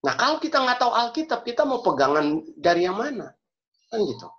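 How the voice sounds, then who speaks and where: A man's voice: very high voice, sing-song, fairly quick, fairly bright tone, slight background noise. A man preaching and praying as a pastor, speaking earnestly and repeating key phrases for emphasis. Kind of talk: sermon and prayer. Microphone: video call. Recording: dull lo-fi video call audio.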